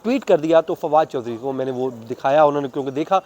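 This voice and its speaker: Heard in lo-fi sound, a man with a Pakistani accent delivers an unscripted court news report in a fairly high, slightly mellow voice with lively intonation and a quick pace. He recounts things conversationally and step by step, in detail, slipping in English legal terms.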